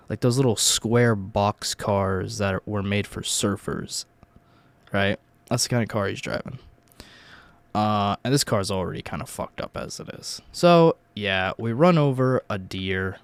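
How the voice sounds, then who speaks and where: A young American man with a fairly low voice, recorded dry and close. He is hungover and talks like a casual vlogger, rambling through a personal story with plenty of swearing. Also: dry recording. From Virginia, United States. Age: young adult. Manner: rambling, profanity-laden, informal. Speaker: YouTube host telling life stories.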